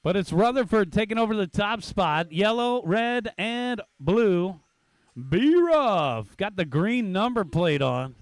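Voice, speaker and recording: A high-voiced man calls a race live as the announcer. His delivery is casual and chatty, breaking into exclamations, and his voice is clean and smooth with a dry, close sound. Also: animated, takes it slowly, dry recording. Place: at a race track event.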